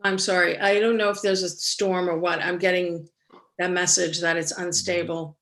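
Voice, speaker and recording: A woman chairing an online public meeting, talking haltingly and apologizing while her video call connection keeps cutting out. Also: fairly low pitch, flat delivery, fairly bright tone. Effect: unstable video call connection cutting out.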